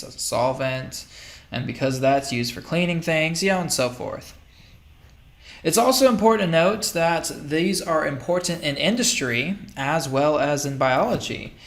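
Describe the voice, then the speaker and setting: A man giving a casual recorded chemistry lecture over slides, relaxed and thinking aloud with fillers and small self-corrections. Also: on the high side, vocal fry. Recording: roomy echo.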